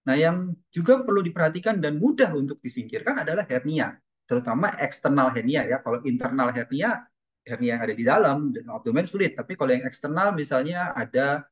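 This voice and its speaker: Seorang dokter pria memberi kuliah daring lewat panggilan video, suaranya tersendat dan putus-putus, menjelaskan dengan banyak kata pengisi dan "ya" di akhir kalimat. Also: male voice, on the high side, animated, a little fast, breathy edge. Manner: explanatory, with fillers and tag questions. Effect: choppy audio cutting in and out. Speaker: doctor giving a lecture. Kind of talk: online medical lecture. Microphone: video call. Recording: dull lo-fi video call audio.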